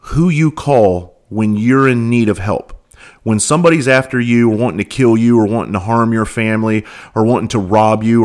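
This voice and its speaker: A man who used to be a police officer, hosting a podcast and talking bluntly in a casual monologue, full of swearing and rhetorical questions. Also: medium pitch. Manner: repeats words when starting sentences.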